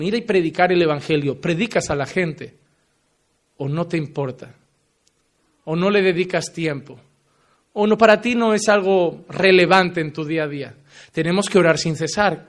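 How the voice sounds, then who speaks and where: A male pastor preaching a fervent sermon, pressing listeners with direct questions and swinging from loud emphatic lines to low, quiet endings. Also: moderate pace.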